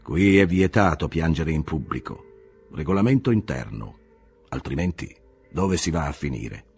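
A man's voice: very deep voice, lively intonation, moderate pace, darkish tone, husky, heavily acted. A man voicing a jovial older sanatorium director who banters in a brusque, joking way. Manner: bantering, brusque, full of jokes.

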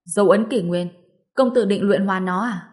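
A man's voice: high voice, steady tone, normal speed, darkish tone, close to an everyday voice. A woman reading the part of a kindly older male clan elder in a storybook, in a plain, explaining way. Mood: excited.

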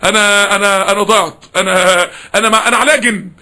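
A preacher mocking a whining helpless believer. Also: male voice, high-pitched, fairly even intonation, brisk, bright, forceful tone. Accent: Egyptian Arabic.

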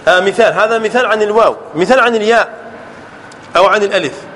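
A man teaching a grammar lesson to a class. He checks with his students often, repeats words, and stretches key words out slowly. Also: sits high, a bit bright, a little hiss or hum.

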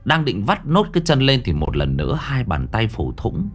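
A man's voice: mid-range voice, wildly swooping pitch, moderate pace, soft background music. A man narrating a ghost story dramatically, lingering on eerie details.

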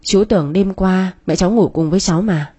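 A woman doing a worried hurried man. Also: sits high, dark tone, husky, no echo. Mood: concerned. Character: worried man, the daughter's partner.

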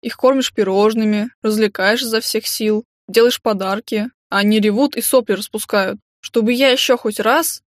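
A woman's voice: a little high, moderate pace, hardly any pauses, no room sound, clean studio sound, lightly acted. A woman voicing a sulky, grumbling teenage boy who talks bluntly, in an audiobook. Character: grumbling cheeky teenage boy, eared and proud.

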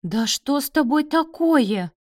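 A woman voicing a shocked older mother who laments loudly. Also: fairly high pitch, takes it slowly, no room sound, studio quality, voice pushed up. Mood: distraught.

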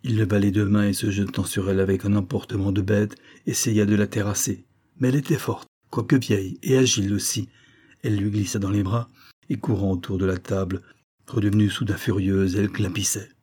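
A male narrator reading a classic story aloud in a low, husky voice. His tone is dark and mellow, and his delivery is measured and expressive throughout. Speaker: audiobook narrator. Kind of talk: scripted narration.

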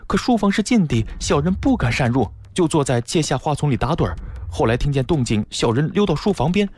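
A man voicing a frightened male servant, pleading his innocence in a higher, strained voice. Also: sing-song, a little fast, darkish tone, no echo. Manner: pleading, frantic, humble.

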